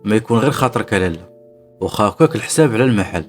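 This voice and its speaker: Narrator playing a smooth older businessman, Moroccan accent, gentle polite tone, low voice. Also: expressive, racing, faint music behind, close to an everyday voice. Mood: courteous. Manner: soft, polite speech. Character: wealthy older male restaurant owner, calm and courteous.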